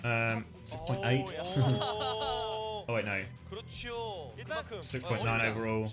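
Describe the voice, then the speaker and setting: A man's voice: medium pitch, steady tone, measured pace, over loud music. A man in his thirties co-streaming an esports match, rambling and correcting himself as he talks to chat. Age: 30s. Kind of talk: casual livestream commentary.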